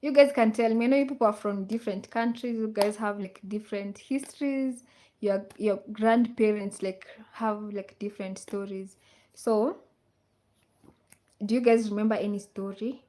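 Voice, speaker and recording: A woman's voice: mid-range voice, fairly even intonation, moderate pace, dark tone. A woman from Kenya hosting a casual livestream, reading out viewer comments and repeating her questions to the audience. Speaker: livestream host. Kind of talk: casual live chat with viewers.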